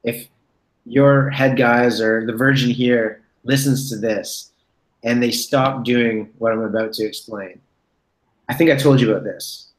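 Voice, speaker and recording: A man's voice: mid-range voice, steady tone, unhurried, reverberant, rough recording. A man in his thirties hosting a casual video-call chat from a room at home. He rambles and corrects himself as he tells stories. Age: 30s. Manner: rambling, self-correcting storyteller. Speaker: host. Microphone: webcam on a video call.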